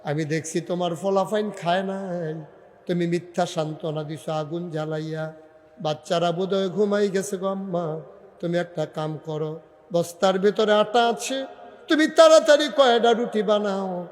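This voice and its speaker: A male preacher voicing a humble, gentle old ruler who weeps, speaking softly and remorsefully. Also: sits high, fairly even intonation, normal speed, in a large hall, natural voice. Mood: kind. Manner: soft, tender, remorseful.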